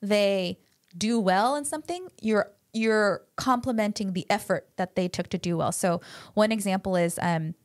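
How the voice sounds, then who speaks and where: An American woman co-hosts a podcast, giving chatty parenting advice sprinkled with lots of "like" fillers and acting out quotes with animation. Her voice is medium-pitched at a moderate pace, captured in a dry, clean studio recording.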